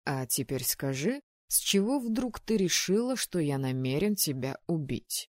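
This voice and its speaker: A woman voicing a young male high mage who is ironic and easily flustered, in an audiobook. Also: very animated, unhurried, a little mellow, no room sound, studio quality, exaggerated voice. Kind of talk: audiobook narration.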